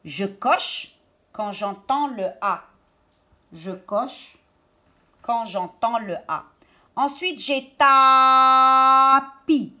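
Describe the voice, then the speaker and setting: A woman teaching a reading lesson to young children, stressing and repeating each word slowly and deliberately. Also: mid-range voice, animated, fairly bright tone.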